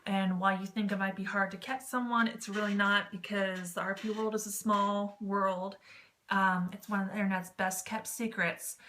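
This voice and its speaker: In a casual advice vlog about online text roleplay, a woman on YouTube rambles somewhat self-consciously. Her voice is mid-range and fairly bright, with slight background noise.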